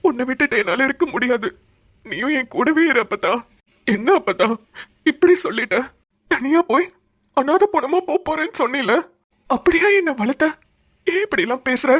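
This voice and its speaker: A man's voice: very high voice, expressive, a little fast, sharp tone, heavily acted. A man voicing a devoted young grandson who reproaches his grandmother emotionally in a cartoon. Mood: reproachful.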